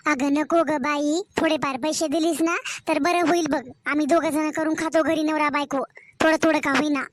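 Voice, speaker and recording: A fussy, greedy village mother in a cartoon story, played by a woman, pitched up high and wheedling. She coaxes and scolds her daughter by turns. The recording is close and dry. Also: steady tone, moderate pace, no echo, natural voice.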